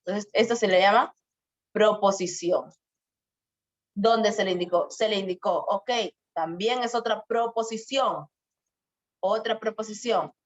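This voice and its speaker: A woman's voice: mid-range voice, a little slow, long pauses. A young woman teaching a grammar lesson to school students, asking questions and drawing out her examples. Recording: muffled lo-fi sound.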